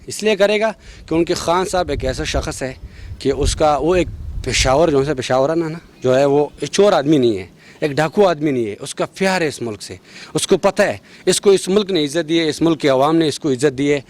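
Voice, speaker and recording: A man's voice: on the high side, lively intonation. Fervent man speaking at a street interview. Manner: passionate, emphatic, rising to loud peaks. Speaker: street interviewee, party worker. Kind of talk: street vox pop interview.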